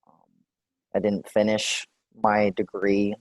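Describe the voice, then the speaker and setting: Texas guy in his forties, kinda low voice, relaxed, lots of ums, dry sound. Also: takes it slowly, no echo. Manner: relaxed, hesitant with many fillers. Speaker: interviewee. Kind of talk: role-play clinical interview.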